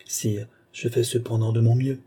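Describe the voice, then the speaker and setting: A man's voice: mid-range voice, flat delivery, normal speed, warm tone, slightly rough, natural voice. A man reading an audiobook, voicing a timid, flustered duke who serves as royal tutor and answers deferentially. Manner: hesitant, deferential, anxious.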